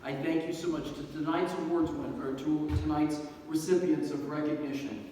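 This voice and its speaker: An earnest man speaking at a banquet, with folksy humor and a fairly high voice. He sounds far from the mic, in a hall with a long, ringing echo. Faint room ambience sits behind him. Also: little pitch movement, fairly quick, warm tone, slight background noise. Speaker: guest speaker from a law-enforcement agency. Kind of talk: banquet speech. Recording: echoey hall from a distance.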